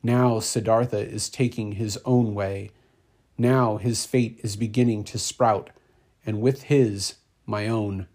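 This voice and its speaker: An anxious, devoted young friend in a spoken storybook, as a male narrator puts him on. His earnest, worried lines come in a low, mellow voice. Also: fairly even intonation, takes it slowly.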